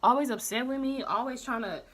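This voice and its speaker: A young woman vlogger telling a slangy, animated storytime while doing her makeup. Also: a little high, fairly quick. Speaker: beauty vlogger.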